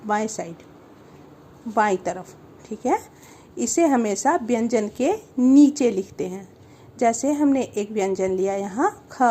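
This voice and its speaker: A woman's voice: a little high, warm tone, slight background noise. A woman teaching a Hindi lesson, explaining step by step, repeating each term and asking the viewer questions. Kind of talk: slow, patient language lesson.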